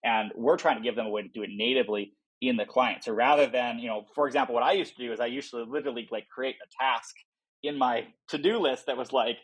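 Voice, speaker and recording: A man on a podcast, the founder of a software company, gives quick, steady, informal explanations of his product, often speaking imagined quotes aloud. His voice is husky and mid-range, captured on a low-quality recording.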